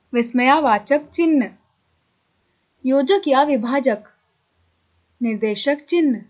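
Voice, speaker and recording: A woman reading a textbook lesson aloud in a measured, deliberate way with pauses. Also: high voice. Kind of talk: slow textbook read-aloud.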